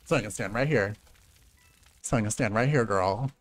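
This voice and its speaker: A man in his late thirties streams a game with brisk, casual commentary, sassy and dramatic, calling everyone "girl." His voice swings between low mutters and high squeals, with slight background noise.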